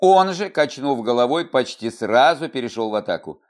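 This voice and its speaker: A man's voice: mid-range voice, lively intonation, moderate pace. A man narrating a first-person fantasy audiobook in a wry, ironic manner.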